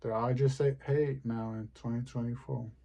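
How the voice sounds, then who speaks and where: A man performing a rambling, deadpan stand-up comedy monologue. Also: medium pitch, normal speed, vocal fry.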